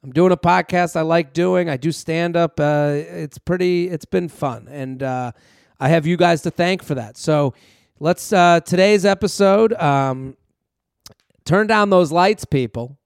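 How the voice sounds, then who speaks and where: A man's voice: on the high side, measured pace, creaky, a little mellow, smooth, dry recording, studio quality. A man hosting a solo podcast in a casual, rambling monologue, talking straight to his listeners like a comedian. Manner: rambling, conversational, addresses listeners directly.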